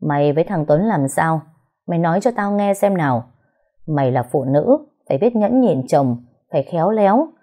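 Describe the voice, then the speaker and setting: A woman's voice: low voice, lively intonation, moderate pace, mellow. A woman voicing a strict older father from the countryside, stern and commanding.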